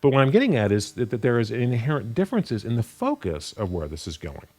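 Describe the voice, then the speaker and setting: Male Bible teacher, sermon delivery, lively pitch that climbs for emphasis, halting with many restarts. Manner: halting, with frequent repeated words and restarts; animated pitch, rising sharply for emphasis. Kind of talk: unscripted Bible study sermon.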